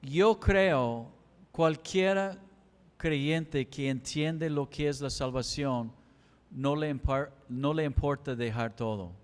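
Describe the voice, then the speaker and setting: A man's voice: a little high, slow pace, smooth. A male pastor, preaching a sermon with emphatic, repetitive cadence. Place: church chapel. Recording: echoey church hall.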